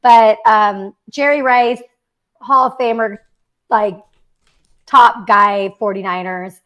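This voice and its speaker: A woman's voice: on the high side, steady tone, takes it slowly, a bit bright. Giggly, chatty young woman host. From Mexico City, raised in the Bay Area. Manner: chatty, giggly, rambling with many fillers. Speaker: podcast host. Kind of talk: casual livestream chat.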